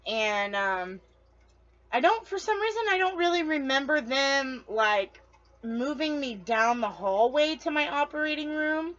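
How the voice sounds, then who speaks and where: A woman's voice: high voice, expressive, unhurried, fairly bright tone, dull audio. Chatty rambling woman vlogger. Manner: rambling, loses her train of thought; chatty, addresses viewers directly. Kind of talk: casual storytelling to camera.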